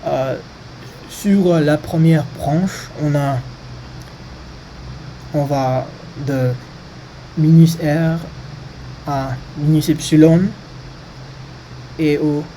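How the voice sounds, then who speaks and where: A maths presenter speaking French as a learned language, with a foreign accent. The delivery is extremely slow and halting, searching for words, in a soft, mellow tone. There is clear background noise in the recording. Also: mid-range voice, steady tone, poor audio. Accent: foreign, non-native French. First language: not French. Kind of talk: informal maths lesson.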